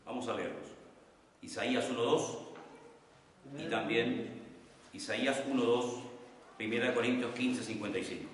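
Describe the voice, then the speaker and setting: A man from teaching a Bible study class as pastor, speaking slowly and repeating key terms so his students can note them down. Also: mid-range voice. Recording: echoey hall, voice from far off the mic.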